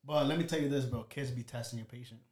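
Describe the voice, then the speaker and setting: A man's voice: medium pitch, fast, reverberant. A man hosting a podcast in casual chat, acting out quotes as he tells stories. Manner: animated storyteller, acts out quotes. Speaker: podcast host.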